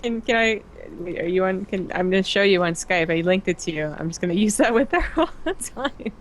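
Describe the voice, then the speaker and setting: A woman's voice: mid-range voice, lively intonation, a little fast, slight background noise. A woman co-casting an esports match, playful and teasing in casual banter. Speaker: esports co-commentator.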